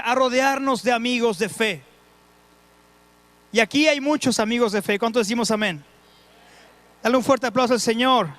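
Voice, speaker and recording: Very high-voiced pastor preaching. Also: male voice, fairly bright tone, no room sound. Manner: earnest, repeats words for emphasis, addresses the congregation directly. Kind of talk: sermon. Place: church auditorium.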